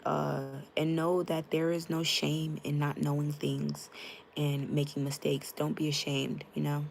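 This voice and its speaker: A woman's voice: low-pitched, completely flat delivery, measured pace, gravelly, darkish tone, a little hiss or hum. A young woman chatting frankly with her live-stream viewers, greeting them by name and using lots of fillers, into a tablet mic. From United States. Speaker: livestreamer.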